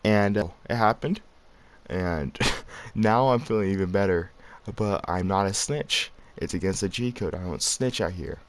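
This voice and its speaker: Man, low voice, casual storytelling, slangy, rambling vlog talk. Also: unhurried. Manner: slangy, rambling, laughs while telling. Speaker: vlogger.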